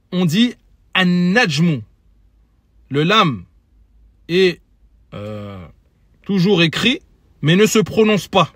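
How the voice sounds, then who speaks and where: Slow, high-voiced male teacher. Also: a bit bright, no room sound, studio quality. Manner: slow, careful, repeats each example word aloud. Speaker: Arabic teacher. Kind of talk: recorded lesson, patient explanation.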